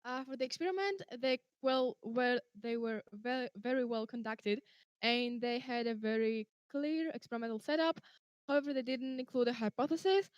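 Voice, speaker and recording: A woman's voice: a little high, normal speed, smooth, dry recording, muffled recording. A young woman from Greece giving a methodical, point-by-point critique as a team's opponent over a video call. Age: young adult. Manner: structured, methodical listing of points. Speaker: opponent in a student science tournament.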